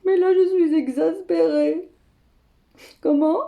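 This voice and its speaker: A woman's voice: very high-pitched, steady tone, takes it slowly, gravelly, full character voice. A woman playing an exasperated older grandmother in a one-sided phone call sketch, ranting dramatically and tagging nearly every phrase with "hein". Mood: fuming. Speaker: comic monologue performer.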